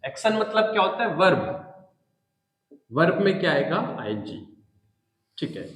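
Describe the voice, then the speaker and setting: A man with an Indian English accent gives an English lesson in a high, unhurried voice. He spells out and repeats key words with deliberate emphasis. The sound rings with a long, roomy reverb. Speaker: English teacher. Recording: echoey room with long reverb.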